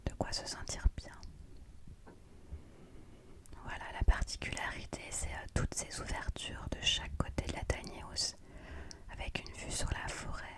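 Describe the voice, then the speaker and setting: Woman whispering quietly, as if at night. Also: moderate pace. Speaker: vlogger narrating her trip. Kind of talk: whispered ASMR vlog narration. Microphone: close microphone.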